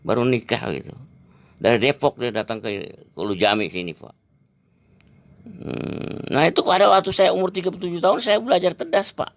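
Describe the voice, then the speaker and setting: A man's voice: fairly high pitch, a little fast, gravelly, dry recording. A man, telling a long rambling story and dropping "gitu" and "Pak" again and again. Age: 70s. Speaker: exercise teacher. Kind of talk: casual storytelling to an interviewer.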